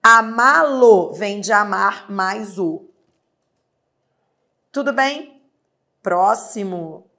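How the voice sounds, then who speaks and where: Slow, patient Brazilian woman teacher. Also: mid-range voice, lively intonation, vocal fry, sharp tone. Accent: Brazilian Portuguese. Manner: patient, drawn-out explanations, asks and answers her own questions. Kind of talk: exam-prep grammar lesson.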